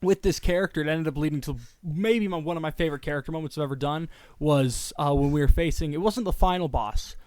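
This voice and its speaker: A young man chats on a podcast, his voice pitched a little high and recorded dry and close. He tells stories about his game characters in an animated way. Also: quick pace, no echo. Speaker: podcast host. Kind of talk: casual chat.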